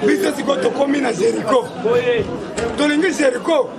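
A man's voice: extremely high pitch, normal speed, vocal fry. A man speaking emphatically to camera outdoors, making announcements and reciting praise titles. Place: outdoors in a city street crowd. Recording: loud crowd behind.

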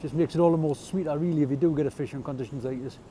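Geordie-ish guy fishing off the rocks at night, mellow voice, bit of wind hiss on the camera mic, dry self-deprecating chat. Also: on the high side, fairly even intonation, very fast. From North East England. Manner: chatty, self-deprecating, understated. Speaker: angler vlogger. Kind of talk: casual fishing vlog narration. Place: outdoors on rocky shore at night, wind and rain. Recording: outdoor camera audio with faint wind noise.

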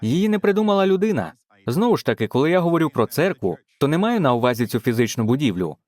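A man's voice: on the high side, sing-song, fast, darkish tone, dry recording. A man preaching a dubbed sermon in a fervent way, with frequent exclamations of praise.

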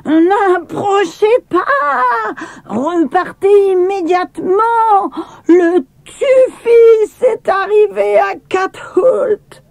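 A woman voicing an excitable old woman servant with piercing, dramatic cries in a storybook. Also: high voice, takes it slowly, no echo, voice pushed up. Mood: alarmed.

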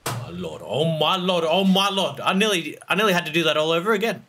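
A man's voice: on the high side, big pitch swings, fast, pushed and bright. A man giving let's play commentary, talking to himself as he plays, with frequent exclamations and laughter. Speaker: gaming channel host.

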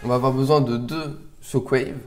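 A man hosting a casual software tutorial, relaxed and a little rambling as he explains each step. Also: medium pitch, moderate pace, loud music behind the voice. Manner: relaxed, chatty, slightly rambling. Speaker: video tutorial host.

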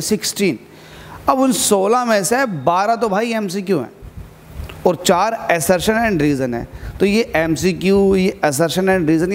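A man's voice: high voice, big-room sound. A male physics teacher giving an exam-prep lesson to students, urging them on and repeating key points as he asks and answers his own questions.

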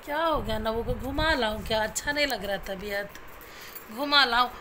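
A woman's voice: fairly high pitch, moderate pace, sharp tone, slight background noise. A young woman vlogging at home as a new mother, cooing and coaxing her baby in sing-song baby talk, then talking to viewers. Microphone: phone camera.

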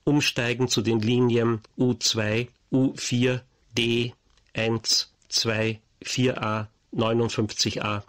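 A man's voice: mid-range voice, flat delivery, a bit bright. Man making subway announcements. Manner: formal, measured listing of stops and transfers. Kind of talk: subway station announcement, scripted.

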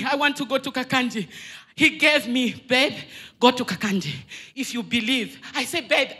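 Bright high-voiced woman testifying. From Zambia. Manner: earnest, emphatic, retelling dialogue. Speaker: congregant giving testimony. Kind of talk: emotional church testimony. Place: large indoor church hall. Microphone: handheld mic.

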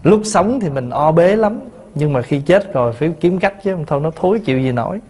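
A man's voice: a little high, lively intonation, brisk, a little mellow. A man, a Buddhist monk teaching a dharma talk in a storytelling way, asking his listeners questions.

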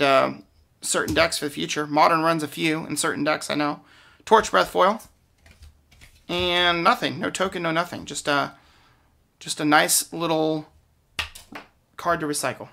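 A man's voice: a little high, vocal fry, bright, forceful tone. A man giving casual, off-the-cuff unboxing commentary as he opens card packs, often hesitant and trailing off mid-thought. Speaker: card pack opener and commentator.

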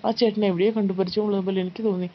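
A woman narrating a first-person life story in a calm, steady storytelling read. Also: medium pitch, very fast. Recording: slightly muffled with faint background noise.

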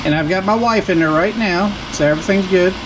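Talking fast in a high voice against a noisy background, a man demonstrates car ramps outdoors for his own tool-review channel. He walks through it step by step, casual, folksy, and plain-spoken.

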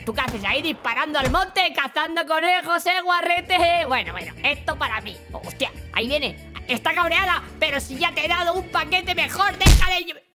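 A man with a Spain Spanish accent voicing a camp, flamboyant, cocky, lewd male soldier in theatrical, taunting gameplay commentary, with shouted catchphrases. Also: very high-pitched, expressive, moderate pace. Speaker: gaming YouTuber. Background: game music.

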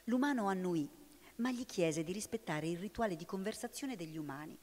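A woman's voice: on the low side, fairly quick. Italian woman reading a story aloud. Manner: expressive storytelling. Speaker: reader. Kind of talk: expressive literary reading. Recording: long hall reverb.

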